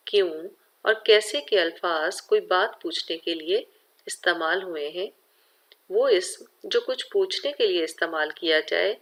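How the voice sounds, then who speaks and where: A woman with a Pakistani Urdu accent teaches a grammar lesson to young pupils at an unhurried, deliberate pace. Her voice sits a little low for a woman, and she explains each point patiently while speaking straight to her class. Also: a bit bright. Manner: slow, careful explaining, addresses students directly. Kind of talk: recorded grammar lesson for children.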